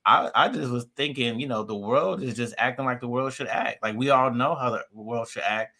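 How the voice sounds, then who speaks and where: A man's voice: medium pitch, bright, forceful tone. A man hosting a casual faith discussion, affirming and conversational. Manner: affirming, conversational, quick to agree.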